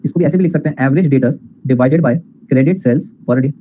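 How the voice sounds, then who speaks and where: A man's voice: medium pitch, moderate pace, warm tone, lo-fi sound, a little hiss or hum. A man teaching accounting in a class lecture, mixing in English terms, calling students "beta" and asking questions he answers himself.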